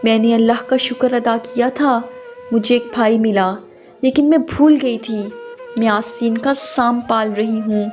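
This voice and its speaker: A woman's voice: fairly high pitch, fairly even intonation, darkish tone, faint music behind, natural voice. A woman voicing a wronged young woman who scolds angrily in a read-aloud story. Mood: bitter scolding. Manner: angry, scolding.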